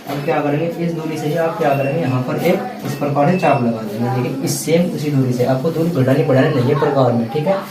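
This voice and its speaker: At a classroom blackboard, a male maths teacher with a slightly high voice patiently walks students through a lesson, often checking in with the filler "theek hai." He sounds distant in an echoey room, with faint ambience and background noise.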